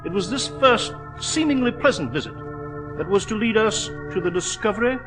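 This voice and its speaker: A man playing a genteel, easily unnerved English gentleman doctor who tells stories, in 1940s radio drama style. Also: high voice, lively intonation, normal speed, music in the background. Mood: measured storytelling.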